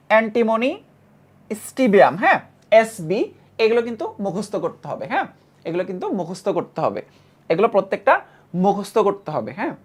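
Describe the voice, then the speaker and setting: A woman teaching a chemistry class with a Bangladeshi Bengali accent. She repeats key facts and asks the students quick questions. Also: mid-range voice. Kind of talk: classroom lecture.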